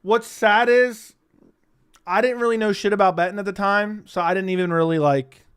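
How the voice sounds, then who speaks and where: Young male streamer, slightly high and very clean voice, casual, profane, rambling chat host. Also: normal speed, fairly bright tone, smooth. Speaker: livestream host.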